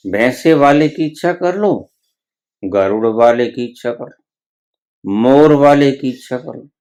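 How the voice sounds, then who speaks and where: A man's voice: medium pitch, measured pace, darkish tone. A man giving a spiritual discourse, reciting scripture verses and explaining them with rising emphasis. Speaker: spiritual teacher.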